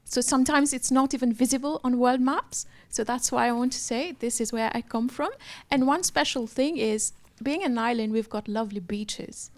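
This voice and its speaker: High-voiced woman from Mauritius. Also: normal speed. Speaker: visiting fellow. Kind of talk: studio panel introduction.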